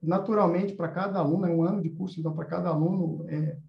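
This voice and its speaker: A Brazilian man who teaches an animation course hosts in a casual, explanatory style. His voice is a little high, fast and steady, with vocal fry, and the sound is roomy and slightly dull.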